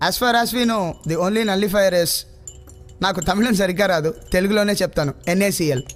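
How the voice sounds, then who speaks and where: A man's voice: high voice, moderate pace, slight background noise, close to an everyday voice. An actor playing a hesitant, apologetic scientist who mixes English into his explanation, in dubbed film dialogue. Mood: explaining.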